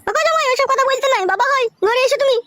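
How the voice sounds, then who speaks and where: A woman voicing a coaxing older mother-in-law in a comic skit, high and wheedling. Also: rapid-fire, fairly bright tone, no echo.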